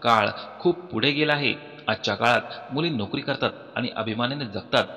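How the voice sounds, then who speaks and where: A man voicing a loving, proud father who speaks warmly and reassuringly to his daughter. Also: medium pitch, moderate pace, natural voice. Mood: stern. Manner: warm, reassuring speech. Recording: dull recording with long reverb, soft music behind.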